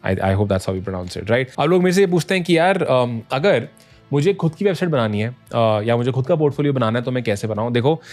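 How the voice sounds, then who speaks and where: A man talks through money-making methods in a relaxed, conversational way, dropping English phrases into his sentences. His voice sits at an average pitch. Faint background music plays beneath. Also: fairly quick. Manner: conversational, mixes English phrases, frequent "thik hai?" check-ins. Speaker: online business educator. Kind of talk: casual Hindi-English explainer.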